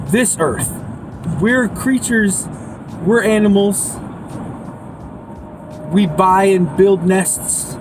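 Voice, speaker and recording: A man's voice: high-pitched, very slow, pauses often, background noise. A man talking casually to his camera as a vlogger, joking and punning as he rambles along. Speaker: vlogger documenting a land purchase. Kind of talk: casual vlog chat.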